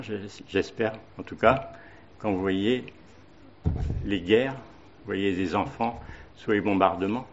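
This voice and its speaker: A man's voice: mid-range voice, muffled recording, a little hiss or hum. A man preaching a sermon, hesitating often with fillers and reading Bible verses aloud.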